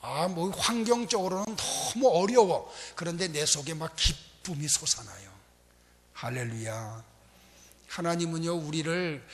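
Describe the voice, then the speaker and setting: A man preaching a sermon as a pastor, emphatic, swinging between loud urgency and hushed, intimate asides. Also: a little high. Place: church sanctuary. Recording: long reverb of a church hall.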